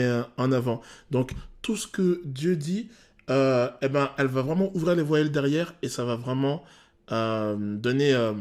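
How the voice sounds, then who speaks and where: Male vocal coach, slightly high voice, animated, breaks down singing technique with lots of pauses. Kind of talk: explanatory song analysis.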